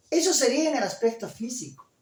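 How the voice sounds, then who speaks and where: A pastor delivering a sermon, loud and emphatic, full of rhetorical questions. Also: male voice, extremely high pitch. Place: church. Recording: echoey church from a distance.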